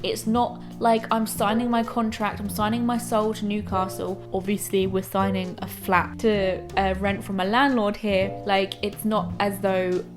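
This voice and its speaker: A young British woman in her twenties speaks at a medium pitch in a casual vlog style. She is candid and reflective, as if chatting directly to her viewers. Music plays clearly behind her voice. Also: little pitch movement, unhurried, hardly any pauses. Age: 20s. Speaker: vlogger. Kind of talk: casual chat to camera.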